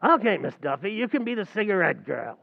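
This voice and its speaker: A man voices a brassy, conniving tavern manager for an old-time radio comedy remake, cracking jokes and botching fancy words in malapropisms. He speaks briskly in a high, very animated voice with vocal fry, heavily acted, and the recording sounds tinny, like a phone.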